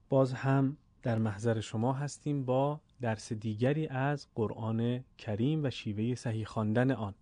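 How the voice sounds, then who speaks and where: A man teaching the correct way to recite the Quran to listeners, formal and courteous, drawing out vowels slowly in demonstrations. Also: medium pitch, warm tone, no room sound. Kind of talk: recorded lesson for listeners.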